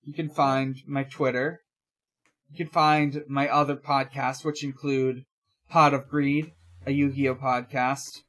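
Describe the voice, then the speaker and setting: A young man co-hosts a podcast, chatting casually in a halting, rambling way and often correcting himself. His voice is medium-pitched and a bit bright, with a level tone.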